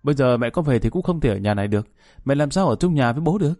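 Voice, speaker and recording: Male reader as a blunt, practical grown child in an audio story, dark-toned. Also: mid-range voice, expressive, rapid-fire, dry recording, clean studio sound, natural voice. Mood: dismissive. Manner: blunt, matter-of-fact.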